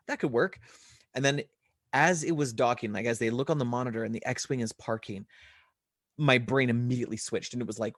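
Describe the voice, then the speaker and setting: A man in his forties chats on a podcast, his voice sitting in a middle register. He tells a story with lively animation and acts out what he was thinking. The recording is dry, with no room sound. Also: medium pitch, dry recording. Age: 40s. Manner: animated storytelling with quoted inner thoughts. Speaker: podcast co-host. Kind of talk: casual chat.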